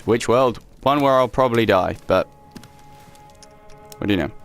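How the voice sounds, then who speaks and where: At normal speed and in a mid-range voice, a young let's play host talks his way through a horror game. He reads the in-game notes aloud, stays sarcastic, and curses at the game, with faint game music in the background.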